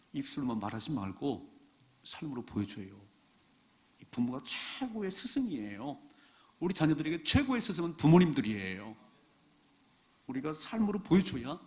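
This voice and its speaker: Animated Korean man preaching. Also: medium pitch. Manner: animated preaching, rhetorical questions to the congregation. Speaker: pastor. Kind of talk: sermon.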